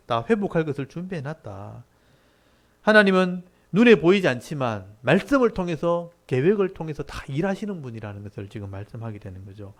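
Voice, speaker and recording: A middle-aged man preaching a midweek sermon as pastor, expounding scripture and acting out complaining quotes with rising emphasis. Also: fairly high pitch.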